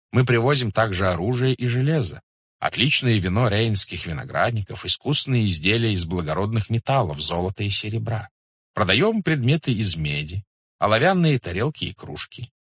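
A man's voice: lowish voice, animated, normal speed, husky, dry recording, pitched above the performer's own voice. A man voicing an obsequious older merchant elder who speaks in a flowery, deferential, pleading way, read as an audiobook character. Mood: servile.

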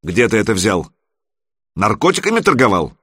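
A man's voice: lowish voice, big pitch swings, normal speed, fairly bright tone, no echo, studio quality, full character voice. A man voicing a stern, suspicious middle-aged father in an audiobook. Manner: stern, gruff. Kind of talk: audiobook character voice.

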